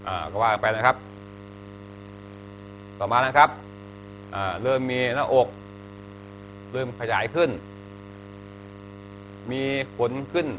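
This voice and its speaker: A man teaching a health class, talking in a chatty way with little jokes. His voice is bright and forward, and he keeps asking the students questions as he explains. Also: medium pitch, slow pace, long pauses, slight background noise.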